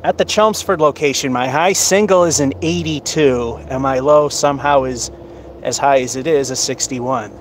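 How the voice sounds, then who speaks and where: A man's voice: mid-range voice, moderate pace. A man casually commenting and tallying scores as he bowls on an outdoor lane in a parking lot, with wry asides. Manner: chatty, wry asides while keeping score. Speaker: bowler filming himself. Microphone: camera on a stand, away from him. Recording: outdoor camera mic with background noise.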